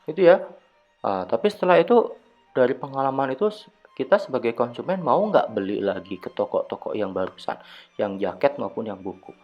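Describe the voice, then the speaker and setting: A man in his thirties lecturing online to his students, chatty and full of hesitations, asking them rhetorical questions as he goes. His voice sits at an ordinary middle pitch. The recording is a bit muffled, with soft music faintly underneath. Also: animated, brisk. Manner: conversational, many fillers and rhetorical questions. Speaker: university lecturer.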